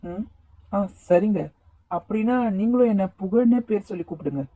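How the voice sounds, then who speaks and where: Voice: medium pitch, expressive, moderate pace, warm tone, highs cut off, lightly acted. A voice actor doing an easygoing, coaxing young man. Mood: friendly. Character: friendly, teasing young man. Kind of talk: cartoon voice acting.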